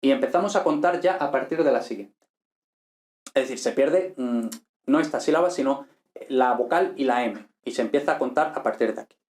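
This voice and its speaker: A man's voice: medium pitch, a little fast, a little mellow. A man teaching a Latin class, thinking aloud and checking in with frequent tag questions. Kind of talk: informal recorded lecture. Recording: echoey room.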